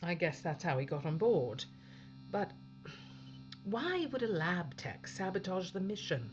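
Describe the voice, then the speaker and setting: In an audio drama, a woman plays a blunt, authoritative captain struggling to hold a failing spaceship together. Her voice sits low with big pitch swings and an unhurried delivery, wary but determined. The recording is muffled, with music behind her.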